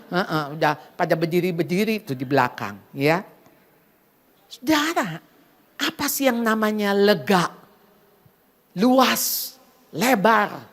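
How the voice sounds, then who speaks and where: A woman's voice: takes it slowly, long pauses. A middle-aged woman preaching to a crowded church at a Christmas gathering. She calls the listeners "saudara", drops English phrases into her talk, and swings her voice wide as she acts out the voices she quotes. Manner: animated, dramatizes inner voices and prayers with big pitch swings. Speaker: women's ministry speaker. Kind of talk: sermon. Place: packed church hall at a Christmas event.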